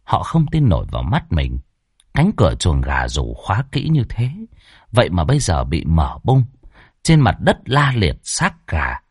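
A man narrating a ghost story in a dramatic, expressive style. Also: low voice, a little slow, husky, no echo, clean studio sound. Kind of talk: scripted horror narration.

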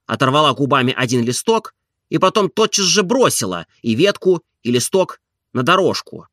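A man narrates a classic novel at a calm, measured pace. His voice is bright and forward, recorded dry and close with no room sound. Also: on the high side, no echo. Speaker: audiobook narrator. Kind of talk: literary audiobook narration.

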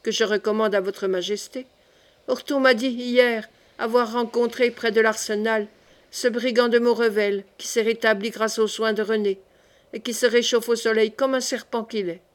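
Woman voicing a young male captain, loyal, soldierly, resolute, slightly high voice. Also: steady tone, normal speed, natural voice. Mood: determined. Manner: resolute, speaks of vengeance like a soldier. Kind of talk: audiobook character reading.

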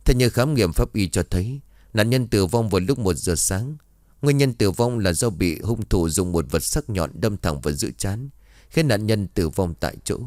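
A grave, official village police officer, voiced by a male storyteller. The voice is low and close, with a formal, matter-of-fact delivery. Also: animated, normal speed, darkish tone, no room sound, natural voice.

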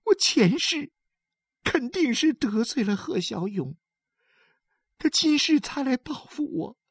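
A woman's voice: high voice, sing-song, slow, breathy edge, no echo, studio quality, full character voice. A woman voicing an ashamed young wife who tearfully confesses, in an audiobook dialogue. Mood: tearful confession. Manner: weeping, pleading.

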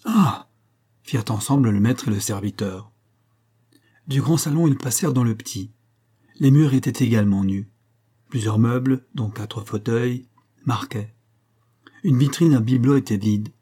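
A man reading a story aloud in measured narration, raising his voice for the characters' quoted lines. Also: medium pitch, mellow, breathy edge. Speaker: audiobook reader. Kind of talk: scripted narration.

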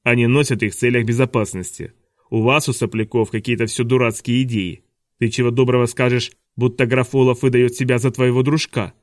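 A man voicing a vain, mocking male school vice principal who talks loudly and sneers. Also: mid-range voice, flat delivery, fairly quick, dry recording, clean studio sound, lightly acted. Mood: sneering. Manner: loud, sneering, giggling.

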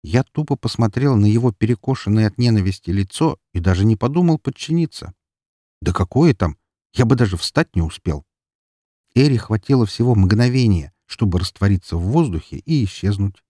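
Male audiobook narrator, low husky voice, lively dramatic delivery, dry close studio sound. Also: moderate pace, no echo. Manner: dramatic, expressive reading.

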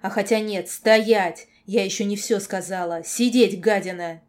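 A woman voicing a furious young woman in an audiobook, screaming insults in a hoarse, raw voice. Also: mid-range voice, moderate pace, mellow, natural voice. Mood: enraged. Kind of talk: audiobook character voice.

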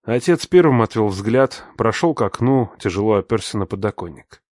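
A man's voice: lowish voice, lively intonation, moderate pace, darkish tone, no room sound, studio quality. Man narrating a tense audiobook. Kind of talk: first-person audiobook narration.

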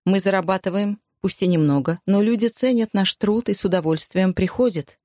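A narrator voicing a firm young wartime wife who speaks calmly and steadily, in a dry recording. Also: medium pitch, brisk, dry recording, close to an everyday voice.

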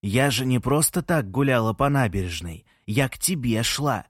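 A man's voice: mid-range voice, animated, moderate pace, no echo, clean studio sound, lightly acted. A man voicing a gushing, theatrical old grandma. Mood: doting, teasing. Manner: gushing, teasing, fussy. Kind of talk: audiobook character reading.

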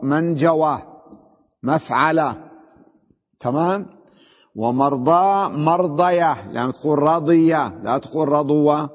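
A man teaching an Arabic grammar lesson. He explains step by step, asks his class questions and answers them himself, and drags words out slowly to spell out their forms. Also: a little high. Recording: muffled recording with long hall reverb.

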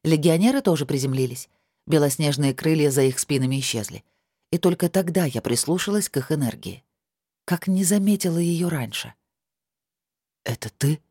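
A woman reading a first-person fantasy novel aloud in an even, measured storytelling manner. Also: sits low, slightly rough, dry recording, clean studio sound. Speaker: audiobook narrator.

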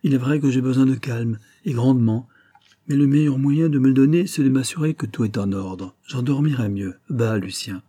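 A man's voice: mid-range voice, normal speed, dark tone, slightly rough, voice pushed up, lightly acted. A man reading aloud and voicing a sick older banker father who questions his family urgently from his bed. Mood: insistent. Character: ailing older banker father, anxious and probing.

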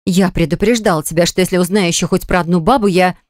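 A reader voicing a shocked young woman who squeals her lines in a high, near-tearful voice. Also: fast talker, a little mellow, no echo, clean studio sound, lightly acted. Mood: shrill anger. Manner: high, squeaky, on the verge of tears. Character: shrill, shocked young woman, office boss's wife.

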